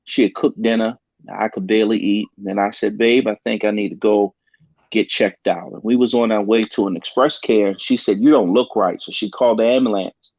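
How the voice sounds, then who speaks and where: With a steady, darkish low voice, a pastor shares a personal story in an earnest, faltering way full of ums. It sounds like a dull, dry lo-fi talk-show recording with no room sound at all.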